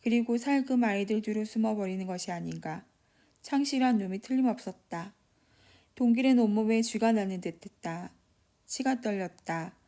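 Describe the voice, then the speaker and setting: A woman giving a steady, measured scripted narration of a short story. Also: medium pitch.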